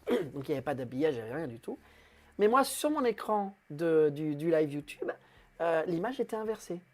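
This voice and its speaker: A man's voice: a little high, big pitch swings, normal speed, darkish tone. A man hosting his own web TV show, rambling and self-mocking with many hesitations. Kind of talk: comic solo live stream.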